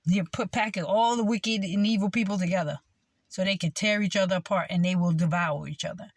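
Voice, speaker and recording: A woman's voice: mid-range voice, fairly quick, no room sound. A woman delivering a rambling religious monologue, meandering with frequent fillers and repeated words. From United States. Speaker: self-styled preacher.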